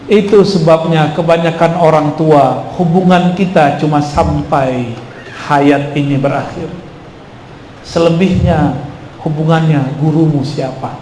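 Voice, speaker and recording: A man's voice: a little high, a little mellow. A man giving an Islamic study talk to a live audience, conversational and quizzing his listeners. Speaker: preacher. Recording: echoey hall with faint noise.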